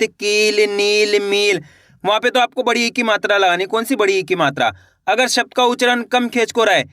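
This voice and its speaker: A male teacher with a very high voice that sounds bright and crisp leads a beginners' lesson. He asks each question and answers it himself, drawing words out slowly. The recording is dry and close, with no room sound. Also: dry recording. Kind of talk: spoken Hindi writing lesson.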